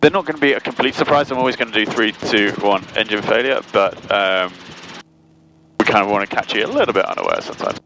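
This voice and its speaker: A man's voice: on the low side, quick pace. A man coaching a student as flight instructor, speaking over a pilot's cockpit headset intercom inside a helicopter in flight. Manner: relaxed, coaching, talks things through. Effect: pilot talking over a cockpit headset intercom. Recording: loud helicopter engine noise.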